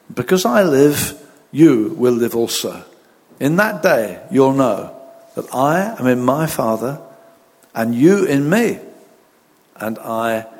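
A man, a pastor at a pulpit microphone, reading scripture, praying and preaching in a measured, deliberate way. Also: mid-range voice, a little mellow, breathy edge. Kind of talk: sermon with scripture reading and prayer. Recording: long reverb of a large hall.

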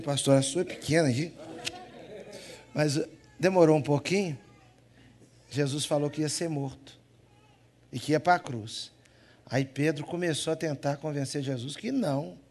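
Preaching live in his Mineiro accent, the Minas Gerais man uses a slightly high voice and keeps the congregation laughing. His lively sermon alternates forceful, emphatic lines with hushed asides.

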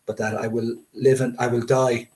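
A middle-aged man from Limerick with a west of Ireland accent, recalling sport in measured detail. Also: medium pitch, little pitch movement, mellow. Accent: Irish, west of Ireland. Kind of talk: reminiscing sports discussion.

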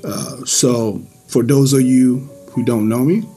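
A man from Iran giving his personal faith testimony to a church group in a casual, loose way, with frequent pauses and restarts. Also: mid-range voice, fairly even intonation, warm tone, faint music behind.

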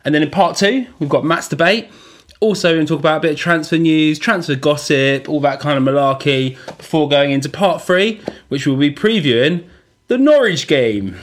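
A man co-hosting a casual football fan podcast, talking in a fairly high, light voice. He is chatty and breaks into laughter often. His delivery stays relaxed and conversational. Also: fairly quick. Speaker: podcast co-host.

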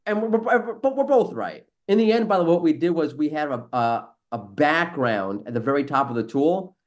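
A podcast host who works in SEO and used to teach runs a casual show, speaking bluntly and sarcastically with some mild profanity. His medium-pitched voice is expressive and moves at a moderate pace.

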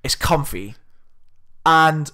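A young man co-hosting a podcast, chatting casually. His voice sits a little high and swings widely in pitch. He tells stories with lots of swearing and acts out the people in them. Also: extremely slow. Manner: animated, swears a lot, acts out quoted people. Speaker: podcast co-host. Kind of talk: casual chat.

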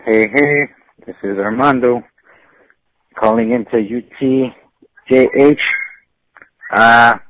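A man's voice: medium pitch, fairly even intonation, takes it slowly, long pauses, a bit bright. A man leaving a short, hesitant voice message on a podcast hotline, unsure of himself. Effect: phone voicemail. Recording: dull phone recording with faint hiss, off-mic.

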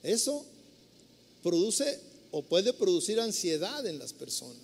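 A man with a Mexican accent preaches in a high, light voice, talking his listeners through everyday scenes like a storyteller. His words ring out with a long reverb from a large church hall. It feels like a live Sunday sermon. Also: sing-song, measured pace, gravelly, slightly rough. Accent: Mexican Spanish. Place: church sanctuary.

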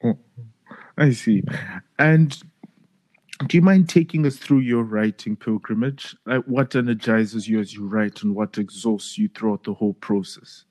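A man with a slightly low voice hosts a podcast interview. He reads his intro from a script and asks his questions politely. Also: unhurried, darkish tone. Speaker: podcast host. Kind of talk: interview hosting.

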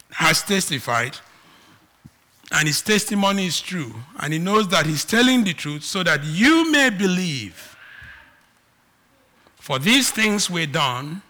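Preaching with a Nigerian accent, a man from Nigeria speaks in a high-pitched voice. His sermon goes back and forth between loud, emphatic declarations and quiet asides.

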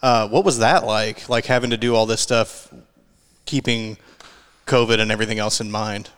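A man's voice: fairly low pitch, fairly even intonation, normal speed, a bit bright, clear, resonant tone, long reverb tail. A man chatting casually and asking questions as part of a podcast crew in a large living room. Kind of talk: casual chat.

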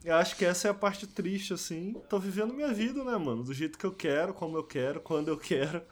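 High-voiced chatty young man. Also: quick pace. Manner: chatty, storytelling, frequent slang fillers. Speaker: podcast guest. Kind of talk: casual chat.

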